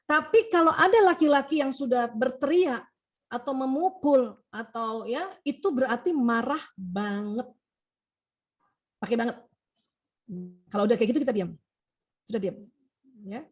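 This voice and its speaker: A middle-aged woman doctor giving a lively talk on emotions and family, animated and chatty, often tagging phrases with "ya" and acting out bits of dialogue. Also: high-pitched. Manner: animated, acts out quoted dialogue, laughs often; frequent "ya" tag at phrase ends.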